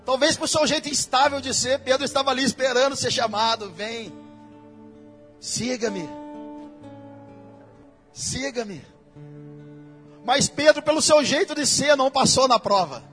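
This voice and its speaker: A Brazilian man preaching in a church with a very high voice. He keeps the sermon casual and full of slang and speaks straight to the congregation. Soft music plays behind him. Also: quick pace. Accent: Brazilian Portuguese. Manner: casual, slangy preaching that addresses listeners directly.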